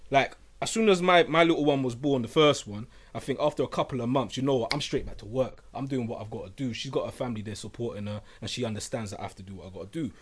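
Husky, fast-talking London roadman. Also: medium pitch. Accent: London, urban street slang style. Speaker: father of two. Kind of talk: casual group chat.

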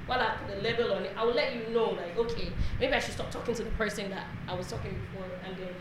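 A woman's voice: mid-range voice, rapid-fire, a crowd in the background. A woman in a casual group chat, speaking frankly and with self-assurance about her own ways. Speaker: panelist. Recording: very echoey room with background noise.

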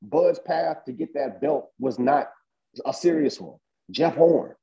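A boxing podcast co-host with a fairly high, creaky voice talks at an unhurried pace on a lo-fi recording. He is casual, animated and emphatic, filling his speech with lots of fillers.

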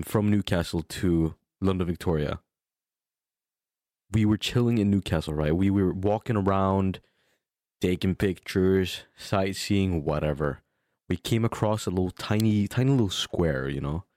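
A young man with a deep voice co-hosts a podcast. He tells stories casually in frat-bro slang, swearing freely. The sound is dry, with hardly any room on it. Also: a little mellow, dry recording. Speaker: podcast co-host. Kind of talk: casual chat, storytelling.

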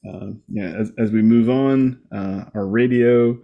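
A man's voice: mid-range voice, fairly even intonation, a little slow, lo-fi sound. A man co-hosting a podcast, giving a wry, conversational recap of a comic book. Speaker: podcast co-host.

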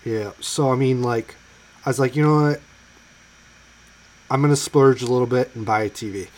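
A man's voice: mid-range voice, normal speed, darkish tone. A man co-hosting a podcast in loose, chatty casual conversation, full of ums and likes. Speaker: podcast co-host. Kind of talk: casual chat.

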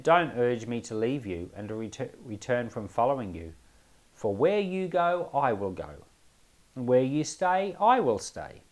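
Speaking as a pastor, a man reads scripture aloud and explains it informally. His phrasing is expressive and emphatic, and his voice sits at a medium pitch.

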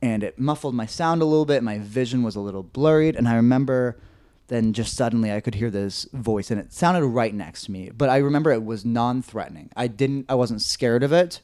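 A man with a slightly high, nasal voice tells a story on a casual podcast, rambling and hesitant, with plenty of "like"s and restarts. He speaks briskly in a mellow tone, with no room sound.

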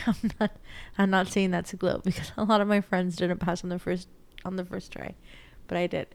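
A woman's voice: lowish voice, flat delivery, moderate pace, gravelly. A young woman teacher with a Texan accent chatting through her week in a casual vlog, emotional and laughing often. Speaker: teacher and vlogger. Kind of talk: casual weekly recap vlog.

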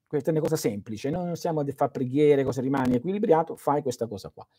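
A man's voice: on the high side, expressive, fast, warm tone, husky, dry recording. A man hosting a live stream as a spiritual teacher, answering viewers' questions in an earnest, didactic way and speaking straight to his listeners.

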